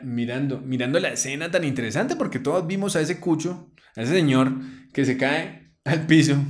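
Animated Colombian man telling a story. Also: medium pitch. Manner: animated storyteller, repeats himself, slangy. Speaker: vlogger. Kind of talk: personal anecdote.

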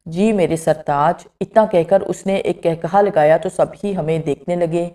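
A woman narrating a first-person horror story in a steady, scripted reading. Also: fairly low pitch.

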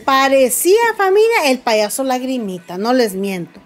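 A woman's voice: high voice, big pitch swings, normal speed, soft background music. A woman hosting celebrity gossip commentary, telling the story in a dramatic, mocking way and calling her viewers family.

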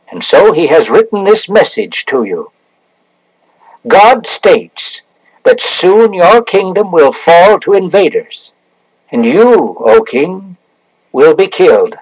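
Stern prophet, slow and husky, expressive grave delivery. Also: male voice, on the high side, dry recording, heavily acted, rough recording. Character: solemn prophet, stern and unafraid. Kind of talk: 1970s storybook record drama.

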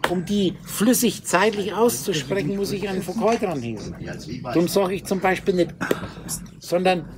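A man gives an informal spoken lecture to a small group, explaining Hebrew letters and slowly sounding out consonants and vowels. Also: high voice, lively intonation, a crowd in the background. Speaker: teacher of Hebrew letter mysticism.

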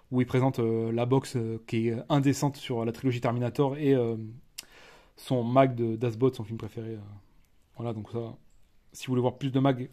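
Chatty French man unboxing, halting. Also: mid-range voice, a little mellow. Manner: chatty, hesitant, many fillers and restarts. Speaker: collector reviewing a disc edition. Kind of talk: casual unboxing commentary.

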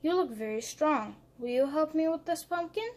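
A woman's voice: high voice, animated, moderate pace, a little mellow, voice pushed up. A woman voicing a hungry, grumpy male squirrel in a children's storybook, whiny and scheming. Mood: coaxing.

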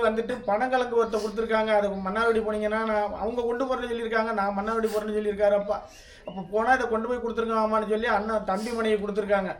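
A man, telling viewers in plain words how a family member died, with frequent restarts. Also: sits high. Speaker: family food channel vlogger. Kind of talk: recounting a family death to viewers. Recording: voice a bit far from the mic.

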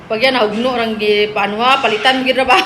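A woman's voice: on the high side, fairly even intonation, brisk, background noise. A woman vlogger giving a teasing, playful house tour, laughing often as she chats.

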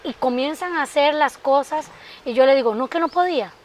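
Sewing teacher lady on a tv interview, really high voice, earnest and emphatic. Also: brisk. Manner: heartfelt, emphatic, addresses the host by name. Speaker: guest, sewing workshop teacher. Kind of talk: interview answers.

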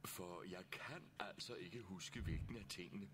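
A man voicing an easygoing, forgetful grown-up character in a children's video game, offhand and relaxed. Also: deep voice, background noise, natural voice.

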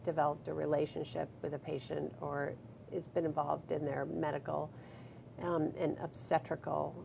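A middle-aged woman executive interviewing a colleague in a live video Q&A, attentive and quick to affirm. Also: low voice, level tone, vocal fry, a little mellow. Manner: attentive, frequent affirming murmurs. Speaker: health system CEO, interviewer. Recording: faint background noise.

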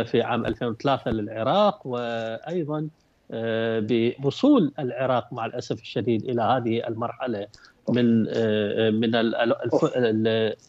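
A man analyzing politics as a talk-show guest, measured, with frequent hesitant fillers. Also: mid-range voice, a little mellow, dry recording. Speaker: international relations researcher guest. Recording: dull dry remote link.

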